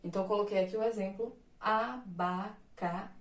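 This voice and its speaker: A woman's voice: mid-range voice, a little slow, a little mellow. Patient woman teacher in an echoey room. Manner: patient, explanatory, checks in with frequent tags. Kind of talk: recorded online class lesson.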